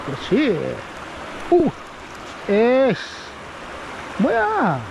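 Drawing out his words with huge pitch swings, this man speaks in an extremely high, gravelly voice over a noisy background. He's a fishing vlogger on a rocky riverbank, day and night, casually narrating, eating, fishing and exclaiming to himself on a head-mounted action camera.

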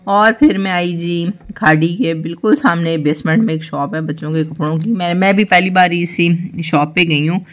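A woman's voice: fairly low pitch, normal speed, few pauses. A young woman, chatting through her shopping trip and listing prices in a friendly, easy way. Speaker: shopping vlogger. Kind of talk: casual voice-over narration of a shopping trip.

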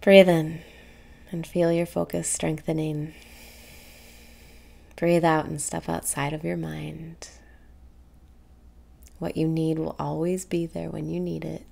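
Speaking from a small indoor room, a young adult woman guides listeners through meditation, her low-pitched voice heavily creaky and level in tone. Each phrase comes out very slowly, softly, and soothingly on the breath, followed by a pause.

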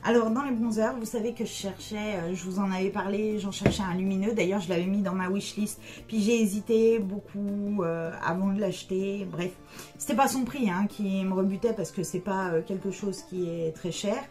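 A woman's voice: medium pitch, fairly even intonation, moderate pace, dark tone, faint music behind. A middle-aged woman chatting casually through a makeup review as a beauty vlogger, with many hesitant fillers.

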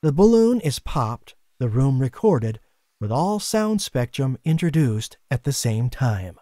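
A man giving scripted documentary narration in a measured, explanatory way, recorded as a voice-over. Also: medium pitch, big pitch swings, dark tone, no room sound, clean studio sound.

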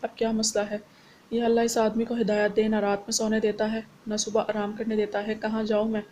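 A woman's voice: mid-range voice, monotone, a little fast, warm tone, lo-fi sound, a little hiss or hum, natural voice. A woman reading the lines of a quarrelsome, sulky young wife who scolds and whines in an audio novel. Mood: scolding. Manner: scolding, whiny complaints.

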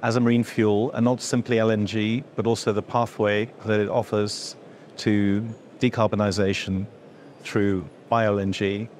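A middle-aged man with a lowish, fairly level voice explains things in a seated interview, stopping often on fillers and false starts. He talks through a lapel mic in an indoor event room with a faint hum behind him. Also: little pitch movement, normal speed, a little mellow. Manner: hesitant, many fillers and restarts, gesturing while explaining. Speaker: industry association executive. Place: indoor event room before a logo backdrop.

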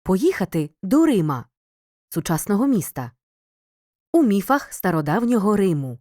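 Measured woman's lesson voice-over. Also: mid-range voice, sing-song, dark tone, no room sound, clean studio sound. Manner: clear, measured, reads word lists with pauses. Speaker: teacher narrating a grammar lesson. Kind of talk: scripted educational narration.

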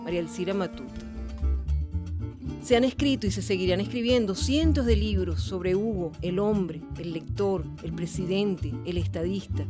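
A middle-aged woman with a Venezuelan accent presenting a book programme in an earnest, measured way. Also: mid-range voice. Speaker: TV host. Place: TV studio. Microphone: lapel mic. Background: music.

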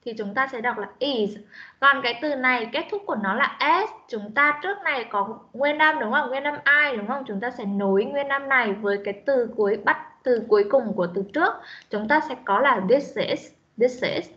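A fairly high-voiced woman teacher runs an online English lesson, correcting pupils and repeating each word slowly and sternly. The call audio sounds muffled and dull. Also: pushed and bright. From Vietnam. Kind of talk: online class pronunciation drill. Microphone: video call.

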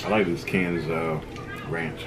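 A man's voice: sits low, fairly even intonation, slow pace, background noise. A man co-hosting an eating video, talking casually with his mouth full of pizza. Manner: laid-back, slangy. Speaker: mukbang co-host. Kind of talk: casual chat while eating.

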